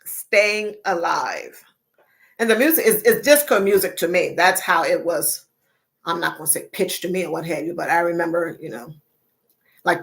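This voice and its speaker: A woman's voice: fairly low pitch, a bit bright. A middle-aged woman hosting a casual livestream chat, chatty, repeating phrases and laughing often. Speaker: livestream host.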